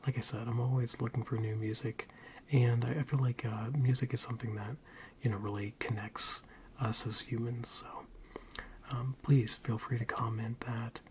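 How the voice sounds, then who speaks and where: Soothing, whispery soft-spoken man. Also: mid-range voice, level tone, moderate pace, a little hiss or hum. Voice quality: soft, breathy, mostly whispered. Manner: hesitant, rambling, soothing. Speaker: ASMR video creator. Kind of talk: soft-spoken ASMR ramble.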